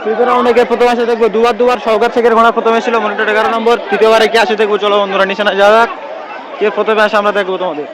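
A man's voice: high-pitched, flat delivery, rapid-fire. A man gives live commentary like a race caller, repeating phrases and addressing viewers as friends, outdoors on a field. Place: outdoors at a crowded village racing field. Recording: noisy outdoor field with loud crowd.

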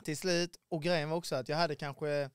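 A man's voice: a little high, smooth, no echo, studio quality. A Swedish man in his twenties, a podcast guest telling a travel story in casual chat and acting out the voices of the people he met. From Sweden. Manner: animated storyteller, acts out quoted voices.

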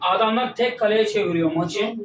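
A man rants through a live football reaction and never stops scolding the keeper and the coach. His voice sits very high. The sound is distant and roomy, with steady noise around it. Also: normal speed. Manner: exasperated, ranting and cursing at players and coach. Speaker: football reaction video host. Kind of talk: heated live match reaction. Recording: roomy, distant, noisy home recording.

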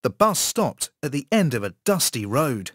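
A man reading a story aloud as scripted narration for an English course recording, with a slow, careful delivery. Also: medium pitch, sing-song, no room sound, studio quality.

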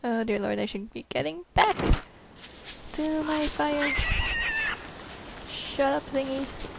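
A woman's voice: high-pitched, slow, vocal fry, heavy background noise. A woman giving casual gameplay commentary at home, talking to herself with bemused exclamations. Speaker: let's play gamer. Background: loud game music.

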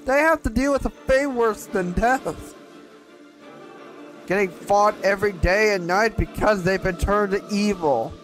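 A man giving casual commentary while playing a video game. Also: high-pitched. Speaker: gamer narrating play. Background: game music.

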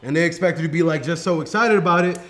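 A man with a slightly high voice hosts a relaxed interview. He asks his questions in a loose, profane way and keeps circling back with halting restarts. His tone stays casual from start to finish. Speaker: interview host.

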